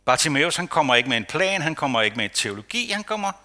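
Bright-voiced man preaching a sermon. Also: a little high, very animated. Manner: dramatic dynamics, dropping to a hushed near-whisper; rhetorical, repeats phrases for emphasis. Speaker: pastor.

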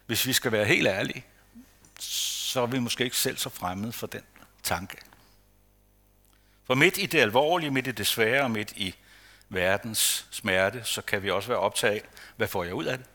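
A man preaching a sermon, rhetorical and repetitive for emphasis, sometimes dropping to a hushed near-whisper. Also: medium pitch, pauses often. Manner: rhetorical, repeats phrases for emphasis. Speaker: pastor.

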